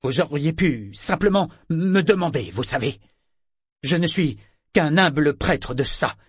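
A man's voice: fairly high pitch, lively intonation, a little slow, slightly rough, no room sound, pitched above the performer's own voice. A man voicing a scheming wandering priest who speaks in a theatrical, falsely pious way, in a dry studio reading. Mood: oily, pious.

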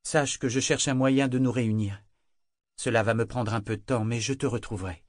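A man reading a calm young woman sailor. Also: mid-range voice, no room sound, studio quality, natural voice. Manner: calm, measured.

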